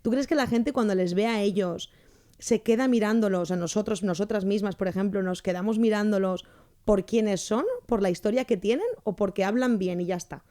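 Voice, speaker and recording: A chatty woman with a mellow, mid-range voice co-hosts a casual podcast, speaking fairly quickly and steering the talk with questions. She was born in Canada and raised in Spain, and the setting is a farmhouse among orange trees.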